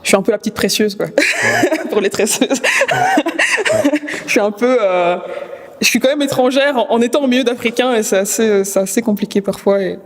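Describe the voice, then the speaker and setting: A young woman talking thoughtfully about herself in an interview, laughing softly now and then. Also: a little high, normal speed, pauses often, long reverb tail. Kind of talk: reflective casual talk.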